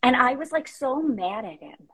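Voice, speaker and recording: Husky-voiced woman telling candid stories. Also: sits high, moderate pace, low-quality recording. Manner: candid, animated storytelling with many "like" fillers. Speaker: podcast guest. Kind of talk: casual chat.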